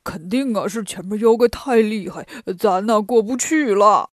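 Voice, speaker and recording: Woman putting on a loud whiny pig-man. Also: medium pitch, normal speed, dry recording, clean studio sound, voice pushed down, close to an everyday voice. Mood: complaining. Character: bumbling greedy pig-man pilgrim, male.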